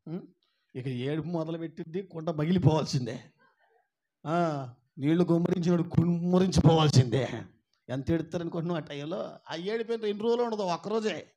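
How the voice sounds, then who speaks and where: A male pastor with an Andhra Telugu accent, preaching a sermon. He swings from soft asides to loud, emphatic shouting and asks the congregation questions. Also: a little high, normal speed, pauses often, dull audio. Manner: acts out mocking relatives in a raised voice.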